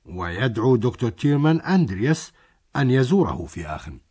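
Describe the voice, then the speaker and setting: A man's voice: medium pitch, big pitch swings, fast, warm tone, breathy edge. A man narrating a scripted language lesson, explaining a dialogue step by step.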